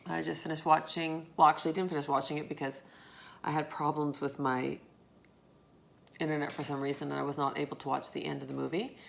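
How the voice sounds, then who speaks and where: A woman's voice: sits low, flat delivery, fast talker, vocal fry, slight background noise. A woman talking candidly in a casual late-night vlog, reflective and tired after a long day, swearing now and then. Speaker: vlogger.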